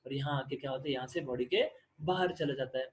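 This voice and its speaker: A man's voice: mid-range voice, fast talker. A man teaching a science class, asking questions and answering them himself and repeating the key words. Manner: mixes in English terms. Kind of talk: classroom lecture.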